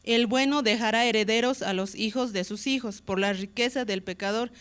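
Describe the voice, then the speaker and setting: A woman's voice: normal speed, fairly bright tone, smooth. A woman from Bolivia telling a personal testimony at a church service, chatty, filling with asides and tag questions. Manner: conversational, fills with "¿no?" and "así", voice drops low when reading verses. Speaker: church member giving testimony.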